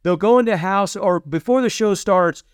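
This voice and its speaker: Middle-aged male preacher, earnest and repetitive, with a clear, high voice and dry sound. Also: no echo. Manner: earnest, repeats phrases, slows for scripture. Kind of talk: sermon.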